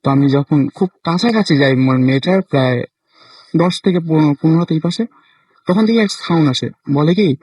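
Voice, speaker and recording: A man's voice: a little high, brisk, darkish tone, husky, no echo, rough recording. A young man from Bangladesh, a caller telling his own ghost experience in casual, hesitant speech full of fillers and restarts. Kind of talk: casual first-person storytelling.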